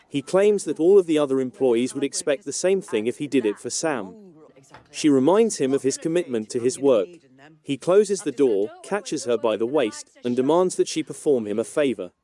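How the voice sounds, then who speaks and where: A man reading a scripted TV episode recap in a steady, even manner. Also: mid-range voice, moderate pace. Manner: steady, even read-through of plot events.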